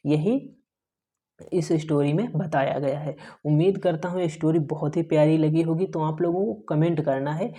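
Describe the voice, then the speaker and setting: A male English teacher going through a story line by line, saying each English phrase slowly, translating it into Hindi and asking short rhetorical questions with frequent "ठीक है" check-ins. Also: fairly high pitch, fairly even intonation, mellow. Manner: keeps adding "ठीक है" as a check-in.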